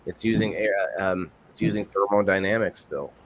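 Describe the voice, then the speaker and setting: A man with a low voice hosts a relaxed livestream podcast. He explains things in a loose, rambling way and keeps correcting himself as he goes. A faint noise sits under his voice. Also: normal speed. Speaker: podcast host. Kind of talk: casual livestream chat.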